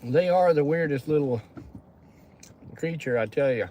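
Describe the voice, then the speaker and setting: A man's voice: on the high side, unhurried, mellow, dull audio, slight background noise. A Texan man hosting a casual livestream, chatting in a folksy way and greeting viewers by name. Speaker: livestream host. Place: pickup truck.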